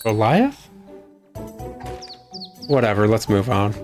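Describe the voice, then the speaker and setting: A man talks through a video game as he plays it. His commentary is casual and rambling, at an unhurried pace, with faint music behind. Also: lowish voice, big pitch swings, darkish tone. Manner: rambling, informal. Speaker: video game let's player.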